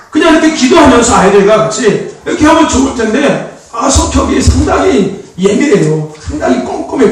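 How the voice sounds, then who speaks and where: A male pastor giving a chatty, animated sermon, laughing often and prompting the congregation for amens. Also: extremely high pitch. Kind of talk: informal sermon. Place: church sanctuary. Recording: echoey hall, distant mic, faint noise.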